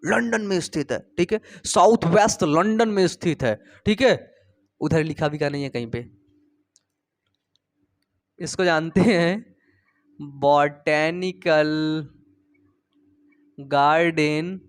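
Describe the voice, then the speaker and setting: Chatty high-voiced young male teacher. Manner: chatty, storytelling, asks and answers his own questions. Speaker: biology teacher. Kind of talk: casual Hindi lecture.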